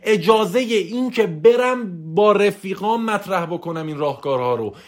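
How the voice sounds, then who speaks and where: A man's voice: high-pitched, lively intonation. A man giving a motivational coaching talk in a voice message, emphatic and preachy, hammering points home through repetition.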